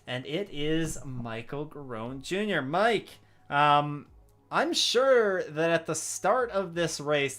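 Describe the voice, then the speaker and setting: A man's voice: fairly high pitch, a bit bright. A man hosting a racing league broadcast, interviewing drivers in an upbeat, rambling way. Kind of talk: post-race interview.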